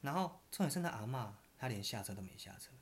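A man's voice: medium pitch, sing-song, quick pace. Man with a Taiwanese Mandarin accent, rambling story. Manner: rambling, restarts often, laughs at his own story. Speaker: podcast host. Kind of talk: casual storytelling chat.

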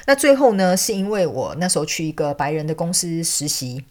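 A woman, a counselor and angel card reader, telling a story in a chatty, animated way to her viewers, full of fillers and asides. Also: deep voice, fairly quick. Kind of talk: casual storytelling monologue.

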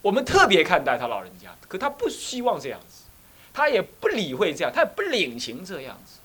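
Middle-aged Taiwanese monk teacher, animated storyteller, bright voice, higher pitch. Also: male voice, brisk, slightly rough. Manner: animated storytelling, acts out scolding voices, asks the listeners questions. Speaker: abbot and Buddhist teacher. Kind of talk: dharma talk with personal stories.

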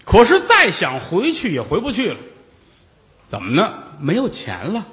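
A male storyteller spins a traditional tale, theatrical and chatty, breaking off for asides. His pitch is slightly high and swings widely. A long hall reverb trails behind him. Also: huge pitch swings, normal speed, a bit bright. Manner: colloquial, theatrical, digressive asides.

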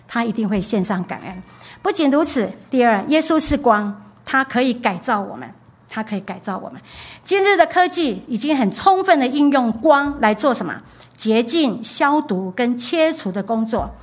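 Woman, from Taiwan, church sermon, storytelling, higher voice, repeats phrases. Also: animated, normal speed. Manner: storytelling, repeats phrases for emphasis, frequent "ha" tag. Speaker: pastor's wife preaching.

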